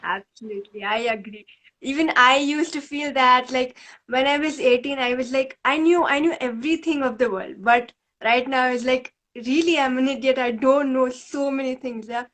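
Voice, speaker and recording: Woman hosting a live stream, pretty high voice, lots of uh and um, sincere questions. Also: normal speed, fairly bright tone, rough recording. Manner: hesitant, many fillers, earnest. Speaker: livestream host. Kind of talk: interview questions.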